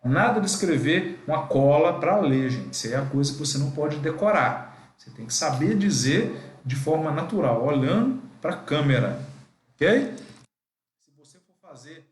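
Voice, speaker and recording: A man with a fairly high, lively voice and a Brazilian Portuguese accent teaches a live online class at a normal speed, the sound roomy. He is didactic, often turning aside to address his students as "gente."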